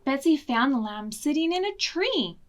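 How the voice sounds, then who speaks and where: Here a woman reading to preschoolers at library storytime uses a high, sing-song voice at normal speed. She adds dramatic emphasis to the picture book and keeps asking her young audience questions.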